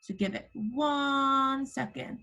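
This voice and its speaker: Bright and forceful, her high voice takes things slowly as she leads young children through an interactive online kindergarten lesson. The teacher speaks over a video call on a computer mic, encouraging the kids with simple prompts and endearments.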